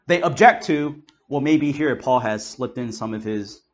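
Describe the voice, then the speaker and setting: A man's voice: mid-range voice, animated, unhurried. A man preaching, explaining Scripture verse by verse in an emphatic, conversational way. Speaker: pastor. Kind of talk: expository Bible teaching.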